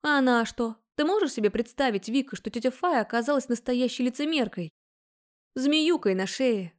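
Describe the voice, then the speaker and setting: A woman voicing an excitable, indignant middle-aged mother who rattles on, high and loud, in a storybook reading. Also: smooth, natural voice. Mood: worked-up. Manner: rapid, worked-up, high and loud.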